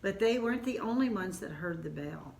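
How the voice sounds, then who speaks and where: An older woman with an Ozark accent telling a family story in an unhurried, homespun way, with asides. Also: medium pitch, animated, vocal fry, a little mellow, reverberant.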